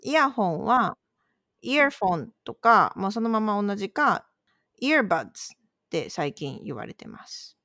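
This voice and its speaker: A woman co-hosting a relaxed podcast chat, explaining things patiently and conversationally. Her pitch moves around a lot as she talks. The sound is close and dry. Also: moderate pace, no room sound. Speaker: podcast co-host posing quiz words.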